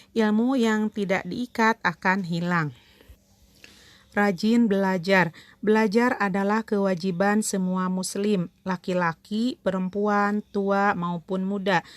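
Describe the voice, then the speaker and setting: A woman with an Indonesian accent narrates a scripted lesson for schoolchildren as their teacher, enunciating carefully in short, measured phrases. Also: mid-range voice, no room sound.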